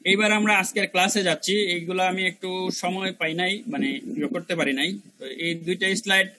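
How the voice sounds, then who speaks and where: High, bright-voiced man teaching recitation. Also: poor audio. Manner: demonstrates syllables by repeating them slowly; colloquial, mixes in English words. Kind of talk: online review class teaching Arabic letter pronunciation.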